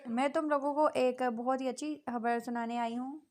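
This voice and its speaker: A woman's voice: high voice, steady tone, moderate pace, natural voice. A woman voicing a flustered, pleading young wife in a story reading.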